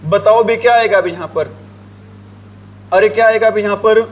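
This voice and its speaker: In a grammar lesson, a male English teacher whose voice sits high talks at a moderate pace with fairly even intonation. He writes on a board and asks the class the same questions again and again, answering them himself.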